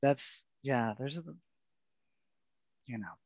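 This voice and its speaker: A man's voice: medium pitch, takes it slowly, darkish tone, no echo. A man hosting a casual webinar chat over a video call, jokey and upbeat. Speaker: show host. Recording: muffled video call audio.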